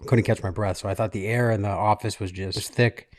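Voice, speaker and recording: Low-voiced man telling his story haltingly. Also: steady tone. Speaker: podcast host. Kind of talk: casual personal storytelling. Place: makeshift studio in a living room.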